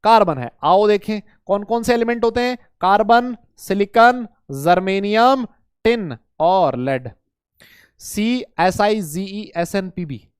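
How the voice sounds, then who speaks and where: A man teaching chemistry to students in a lively lecture, asking questions and answering them himself, with playful memory tricks. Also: high voice, slow, smooth, no room sound, clean studio sound. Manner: voices imagined student questions.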